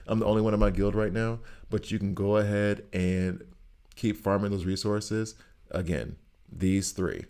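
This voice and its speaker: A man's voice: lowish voice, fairly even intonation, normal speed, mellow, smooth. A man from Alabama with a Southern US accent gives casual game commentary to viewers, repeating phrases for emphasis. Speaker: gaming content creator.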